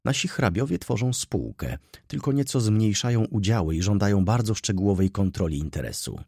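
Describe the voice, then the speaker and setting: A pompous, jovial lawyer, as a male reader plays him, speaking formally in a husky voice with lively rises. He sounds pleased with himself and precise. The recording is dry and close. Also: lowish voice, brisk, no room sound. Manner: formal, self-satisfied, laughing.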